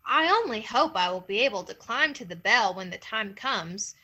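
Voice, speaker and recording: A woman's voice: medium pitch, expressive, moderate pace, bright, forceful tone. A woman voicing a scrawny, sly old male hare who talks sweetly and innocently to trick a coyote. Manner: sweet, innocent-sounding, cunning.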